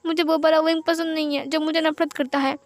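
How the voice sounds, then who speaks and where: Girl reading as a tearful young guy begging his lover, soft and pleading, highish voice. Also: little pitch movement, fairly quick, no echo.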